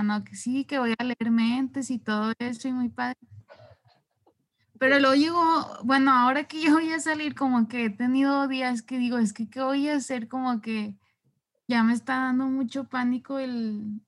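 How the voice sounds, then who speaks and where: A young woman, a psychology student asking a question on a video call in a chatty, rambling way. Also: on the high side.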